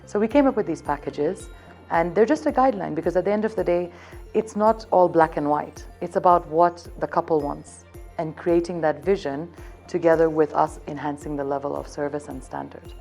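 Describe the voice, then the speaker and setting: A Zambian woman in her thirties represents a hotel's events side in an interview, giving upbeat, promotional answers that keep returning to a single theme. Her voice is deep and somewhat mellow with vocal fry, at a moderate pace, over soft background music.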